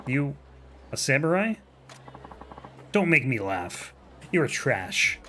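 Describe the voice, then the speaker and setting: A man reading as a steady, principled foreign warrior in a video game. He speaks evenly and earnestly, in a mid-range male voice with faint music behind. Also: mid-range voice, full character voice. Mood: scornful. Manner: calm, earnest, measured.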